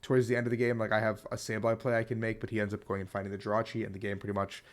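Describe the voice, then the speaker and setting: Hoarse man recapping a tournament, lowish voice. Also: flat delivery, racing. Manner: slangy, conversational. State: hoarse, worn-out voice. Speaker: competitive card game player and video creator.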